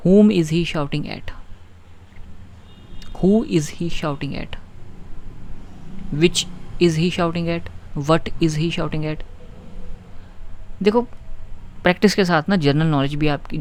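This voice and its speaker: A man leads an online grammar lesson with a slightly high, gravelly voice. He talks at an unhurried pace, walking through each point step by step and reading out example sentences carefully. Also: a little mellow. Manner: explains step by step, reads example sentences slowly. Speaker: English grammar teacher.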